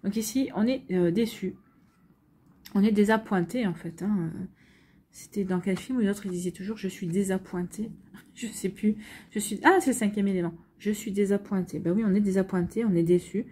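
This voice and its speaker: Woman, tarot guidance reader, dark mellow tone, hesitant, many fillers, talks directly to viewers. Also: medium pitch, moderate pace, breathy edge. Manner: hesitant, full of fillers and repeated words; addresses viewers directly, conversational. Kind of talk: weekly tarot guidance reading.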